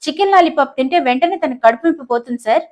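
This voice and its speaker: A woman voicing a cunning, mischievous young college girl who talks in a sly, quick-witted way. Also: high voice, darkish tone, voice pushed up, close to an everyday voice. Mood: pleading.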